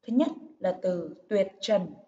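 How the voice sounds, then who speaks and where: Slow, clear-spoken woman teacher. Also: medium pitch, animated. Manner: slow, clear, careful enunciation. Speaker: primary school teacher. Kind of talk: reading lesson for young children. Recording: distant, muffled recording with faint hiss.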